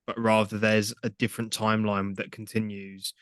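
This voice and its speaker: A young man with a fairly low voice chats on a podcast, measured and steady, often slowing down as he works through a point. The recording is dry and close. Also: smooth, no room sound. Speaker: podcast co-host. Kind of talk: casual chat.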